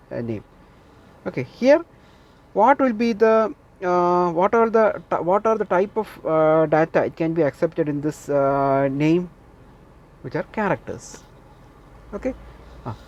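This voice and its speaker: A man's voice: on the high side, lively intonation, moderate pace, darkish tone, dull audio. A man lecturing a class, repeating key points and often checking with the listeners that they follow.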